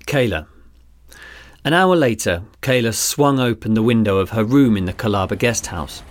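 Man narrating a story, measured pace. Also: lowish voice, animated, no room sound. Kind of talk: scripted narration.

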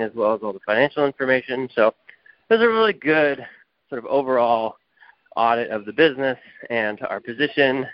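This is a company founder giving a phone interview: medium-pitched male voice, no room sound, the line muffled and dry. His responses are lengthy explanations peppered with fillers.

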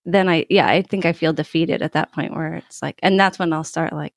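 A woman's voice: low voice, steady tone, brisk, gravelly, no echo, clean studio sound. A woman in her thirties, a guest in a casual interview, talking candidly and laughing easily. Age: 30s.

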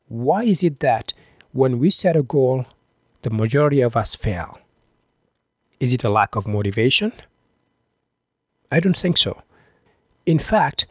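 A man hosting a podcast, giving a scripted motivational talk with deliberate phrasing and rhetorical questions. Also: medium pitch, no room sound, studio quality. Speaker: podcast host.

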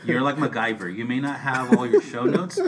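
A man's voice: mid-range voice, expressive, a little fast, recorded from a distance, a loud crowd. A man co-hosting a podcast in casual chat, rambling along with frequent restarts. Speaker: podcast co-host. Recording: off-mic with faint background hiss.

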